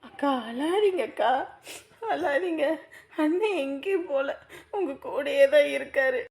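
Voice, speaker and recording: A woman's voice: sits high, lively intonation, measured pace, creaky, a little mellow, full character voice. An actress playing a younger woman who soothes and pleads with a grieving relative. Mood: consoling. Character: gentle younger woman consoling her sister-in-law. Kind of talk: family drama acting.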